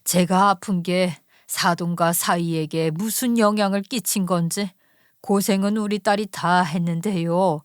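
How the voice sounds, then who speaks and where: A woman voicing a frail, gentle elderly mother who is ill and speaks softly and apologetically. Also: on the low side, steady tone, measured pace, clear, resonant tone, no room sound, studio quality, voice pushed down, close to an everyday voice. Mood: hurt. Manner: soft, quiet, apologetic. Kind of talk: storytelling radio narration.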